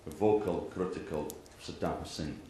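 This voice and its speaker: Here a male imam from Iraq and Kuwait, carrying an Iraqi Arabic accent, addresses a gathering formally inside a large venue. His extremely low, warm voice is interrupted by frequent throat clearing, and he speaks in measured, deliberate phrases, pausing and echoing parallel sentences. The recording captures a very reverberant hall and faint background noise.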